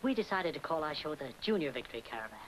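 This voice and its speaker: A woman's voice: low voice, big pitch swings, racing. A young woman playing an earnest niece who asks her aunt to star in a show, in an old film. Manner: earnest, pleading. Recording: old film soundtrack with hiss.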